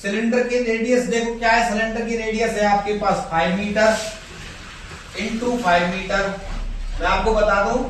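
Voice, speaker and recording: A man's voice: high voice, fairly even intonation, a bit bright. Male maths teacher, patient step-by-step explainer; distant, echoey recording with faint hiss. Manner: explains step by step, repeats key terms, reads English question slowly. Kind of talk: maths lesson for school students. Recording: very echoey room, far from mic, faint hiss.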